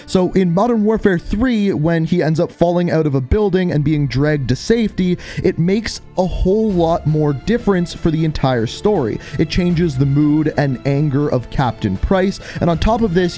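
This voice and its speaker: A man's voice: on the high side, warm tone. A man narrating a scripted video game review essay, stressing key words emphatically. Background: background music.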